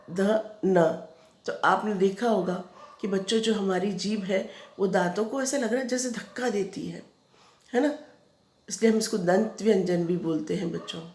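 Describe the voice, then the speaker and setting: A woman teacher with a Rajasthani Hindi accent explains grammar patiently to young children, often pausing to check they follow. Her voice has a middling pitch and carries an echo from the room around her. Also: a little mellow. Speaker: school teacher. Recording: echoey room.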